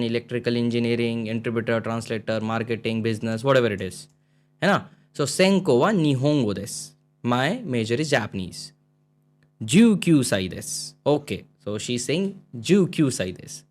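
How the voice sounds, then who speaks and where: Young man, teacher, online lesson, step-by-step explanations, frequent check-ins, mid-pitched voice. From India. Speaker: Japanese language teacher. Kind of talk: online lesson in Hindi-English mix.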